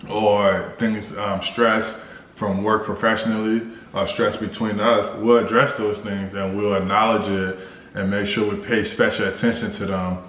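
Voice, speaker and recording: An American man co-hosting a casual Q&A vlog, explaining things in a measured, halting way. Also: fairly low pitch, level tone, fairly bright tone. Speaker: vlog co-host. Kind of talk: casual couple Q&A chat. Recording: roomy echo with clear background noise.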